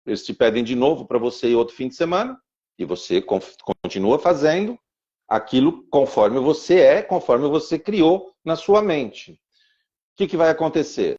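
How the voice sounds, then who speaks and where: A man's voice: a little high, very animated, moderate pace, warm tone. A man teaching on a podcast and telling a personal story, with rhythmic repeated phrases and stammered restarts. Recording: dull lo-fi sound.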